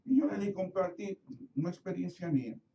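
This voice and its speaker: Preaching in a church sanctuary, a middle-aged Puerto Rican pastor with a Puerto Rican Spanish accent tells stories, acts out his own prayers, and asks the congregation questions. His voice sits high, expressive and a little fast. A distant mic gives a roomy, slightly dull church sound with background noise.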